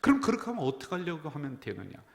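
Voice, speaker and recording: A middle-aged man preaching a sermon as pastor, telling stories and swinging from near-whispers to loud emphasis. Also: a little high, wildly swooping pitch, very fast, vocal fry. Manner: storytelling, dropping to a whisper and rising for emphasis. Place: church sanctuary. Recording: church hall reverb.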